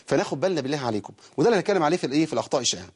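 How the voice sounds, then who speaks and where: A man with an Egyptian Arabic accent teaching Quran recitation on a program. He poses rhetorical questions, then answers them himself, and slowly stretches out words to show how they should be recited. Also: fairly high pitch, very animated, breathy edge. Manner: slowly draws out words to model correct recitation. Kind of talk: televised Quran recitation lesson.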